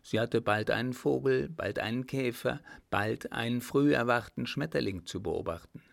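A man narrating a novel as an audiobook in a measured, steady storytelling manner. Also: mid-range voice, creaky.

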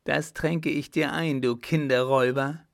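A man's voice: medium pitch, fairly even intonation, measured pace, vocal fry. A man voicing a defiant, scornful young female tightrope artist in an audiobook. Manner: sharp, sneering retorts. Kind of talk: audiobook character voice.

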